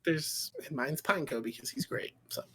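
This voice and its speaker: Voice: mid-range voice, lively intonation, normal speed, sharp tone, slightly rough. A podcast co-host trading wry jokes in casual chat. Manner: jokey, wry quips.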